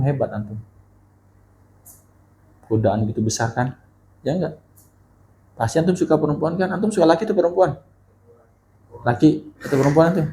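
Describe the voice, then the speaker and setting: A man's voice: medium pitch, a little hiss or hum. A male Islamic teacher giving a casual sermon to young people. He talks in a slangy, colloquial way and keeps firing questions at his listeners. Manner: animated, keeps quizzing the audience.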